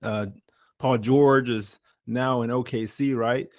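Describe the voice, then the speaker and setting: A man co-hosting a podcast, talking sports in an animated, slangy, joking way. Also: mid-range voice, slow pace, dry recording, studio quality. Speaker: podcast co-host. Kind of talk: casual chat about sports.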